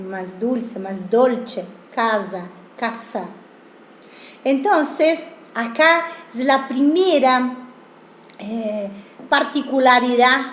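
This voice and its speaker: A woman's voice: a little high, a little hiss or hum. A woman teaching a language lesson, asking rhetorical questions and explaining with examples. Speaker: Italian teacher. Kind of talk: video lesson. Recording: echoey room.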